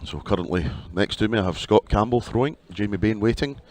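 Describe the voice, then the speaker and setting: Low-voiced male darts commentator. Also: fairly quick. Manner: wry, chatty asides. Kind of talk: live sports commentary. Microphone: headset at commentary position.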